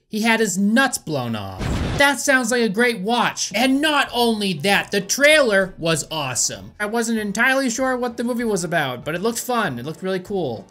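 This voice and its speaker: A man's voice: high voice, pushed and bright, a little hiss or hum. A man hosting a comedic movie review, sarcastic and candid. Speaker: film review host.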